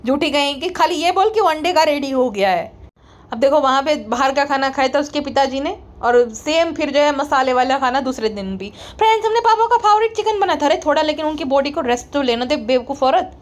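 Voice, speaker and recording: Mocking high-voiced woman roast vlogger. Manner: mocking, scolding, rapid-fire. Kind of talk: sarcastic roast commentary.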